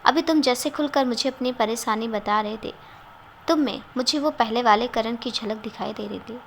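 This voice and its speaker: An outspoken, caring young woman with a sharp tongue, as a woman reads her lines in a story. She talks in a scolding, direct way, in a fairly high voice, with a light hiss in the background. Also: moderate pace, close to an everyday voice.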